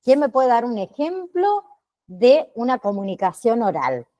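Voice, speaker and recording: A woman teacher giving an online class lecture, speaking deliberately and checking in with frequent tag questions. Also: fairly high pitch, very animated, dark tone. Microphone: computer mic on a video call.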